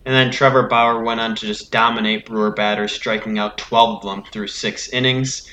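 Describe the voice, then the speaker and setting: Male American sports podcast host, bright forceful voice, fuzzy distorted mic in an echoey room. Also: fairly low pitch, flat delivery, normal speed, slight background noise. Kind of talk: sports podcast chat and game recap. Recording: distorted damaged microphone, roomy echo.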